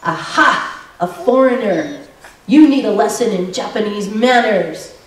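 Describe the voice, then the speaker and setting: A big drunken laborer, gruff and sullen, as a woman puts him on. He talks slowly, and the voice sounds far off in an echoey church. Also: medium pitch, lively intonation, close to an everyday voice. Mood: surly. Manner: gruff, surly.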